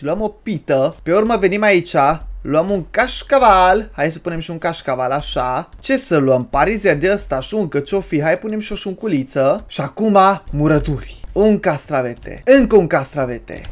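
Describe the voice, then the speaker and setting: A gaming creator, giving crude, joking let's-play commentary on a horror game, with sudden loud yells. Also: medium pitch. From Romania.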